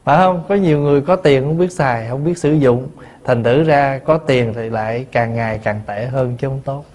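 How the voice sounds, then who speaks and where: A man's voice: mid-range voice, moderate pace, a little mellow. A man, a Buddhist monk giving a dharma talk, telling stories and asking his listeners rhetorical questions. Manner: conversational storytelling with rhetorical questions.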